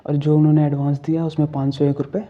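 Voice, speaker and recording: A man's voice: on the high side, level tone, fast, narrow, tinny audio, slight background noise, natural voice. A man voicing an aging male tailor who advises his son plainly, in a horror storytelling video. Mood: advising. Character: worried old male master tailor, a father.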